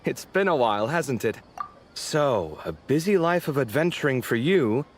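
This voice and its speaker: A man voicing a dramatic young male architect in a game, expressive and huffy. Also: mid-range voice, moderate pace, a little hiss or hum, lightly acted.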